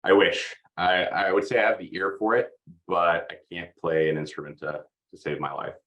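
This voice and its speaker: A young man from Oregon in the United States, appearing as a podcast guest, speaks in a low, steady voice at a moderate pace. His casual interview chat is easygoing and hesitant, full of fillers, and the audio sounds dull.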